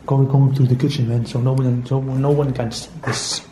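A man's voice: medium pitch, little pitch movement, moderate pace, mellow. A young man from Belgium with a Belgian Dutch accent, vlogging casually to his fans in informal, exclamatory English on a handheld camera. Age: young adult. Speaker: urban exploration vlogger. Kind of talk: casual vlog commentary to fans. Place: empty rooms of an abandoned house at night. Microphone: handheld camera at arm's length. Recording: echoey empty rooms, faint noise.

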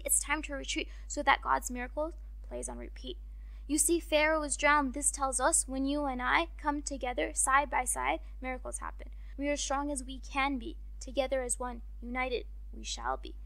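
A woman performing a spoken word poem in a rhythmic, rhyming delivery, dropping at times to a soft whisper. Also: sits high, no room sound, poor audio.

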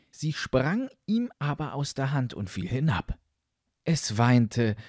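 This fairytale audiobook is narrated by a man with a medium-pitched voice, recorded dry with no echo. He reads unhurriedly and deliberately, yet his melody stays lively and expressive.

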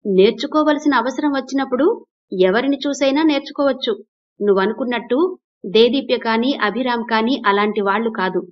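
A woman voicing an elderly grandfather who speaks in a measured, reproving way. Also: on the high side, pitched above the performer's own voice, natural voice. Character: elderly grandfather, stern but gentle. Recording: dull lo-fi recording.

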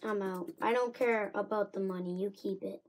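A young woman giving casual game commentary, excitable and jumpy, swinging from nervous mumbles to loud surprised outbursts. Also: medium pitch, moderate pace, a little hiss or hum, rough recording. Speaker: gaming channel host.

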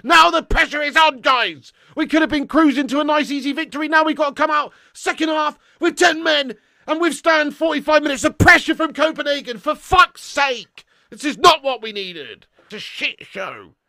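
Footie fan guy raging at the match, swearing nonstop, really sharp bright voice with a gravelly edge. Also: very high voice, moderate pace, hardly any pauses, no room sound, clean studio sound. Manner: ranting, swearing heavily, bursts into shouts. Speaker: football fan hosting a match watchalong. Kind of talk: live match reaction rant.

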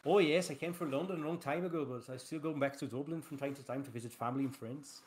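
A man's voice: mid-range voice, a little fast, close to an everyday voice. A man quoting a polite Irish man.

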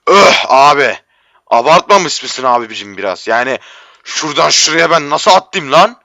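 A man giving frustrated live commentary while playing a game, swearing and breaking into shouts, his voice going hoarse. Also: fairly high pitch, sing-song, moderate pace, no echo, studio quality. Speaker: gamer.

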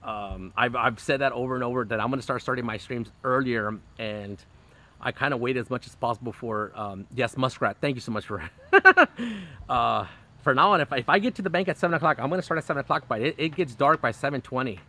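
A man's voice: medium pitch, animated, fairly quick, pushed and bright. Chatty middle-aged man on a live stream. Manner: chatty, frequent fillers and restarts, bursts of laughter. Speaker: fishing channel host. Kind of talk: casual live stream chat. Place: outdoors in a backyard under a canopy. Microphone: phone camera close up.

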